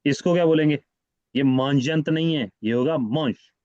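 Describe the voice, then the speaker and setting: A man's voice: on the high side, fairly quick, dark tone, dry recording, muffled recording. A man teaching French in an online class, patiently going over each word again and again. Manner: patient, repeats words many times.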